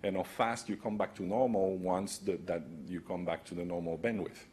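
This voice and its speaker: A man in his forties speaks from a podium in a large indoor conference hall, delivering a technical talk into the podium microphone. His voice is low and darkish, his pace normal, and he explains casually, frequently checking in with "right?".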